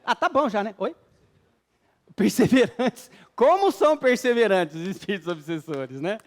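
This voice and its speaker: A man's voice: high-pitched, expressive, normal speed. A Brazilian man giving a spiritist lecture to a live audience, quizzing the listeners and telling jokey stories about married life. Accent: Brazilian Portuguese. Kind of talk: humorous public lecture.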